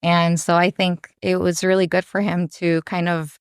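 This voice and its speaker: A woman in her thirties from Brazil talks through her story as a podcast guest, rambling warmly with plenty of fillers. Her voice is fairly low and clear and smooth, recorded dry and close. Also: level tone, moderate pace, dry recording. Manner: rambling, warm, full of "you know" fillers. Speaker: podcast guest, business owner. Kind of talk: casual interview chat.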